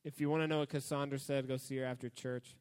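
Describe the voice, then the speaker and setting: A young man giving a casual youth sermon as youth pastor, relaxed and prone to joking asides. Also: mid-range voice, fast, clean tone, long reverb tail. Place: church hall.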